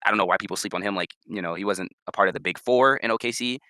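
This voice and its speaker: Young man, casual sports chat, quick, bright, dry close sound, rambling, repeats himself. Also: no room sound. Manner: rambling, repeats words, pitch jumps when emphatic. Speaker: podcast co-host.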